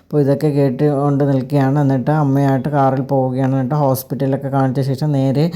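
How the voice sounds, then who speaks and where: A narrator recaps a TV serial episode at a brisk clip, the voice mellow and dark. The delivery stays level and flat, with little rise and fall, and short filler sounds bridge the sentences. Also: medium pitch.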